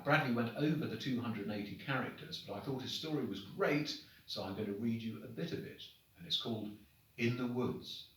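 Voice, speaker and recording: Reading short stories to children like a headmaster before his pupils, a man uses an expressive, animated delivery with mid-range pitch and deliberate, dramatic phrasing. The room is very echoey, and the microphone is distant, so he sounds set back.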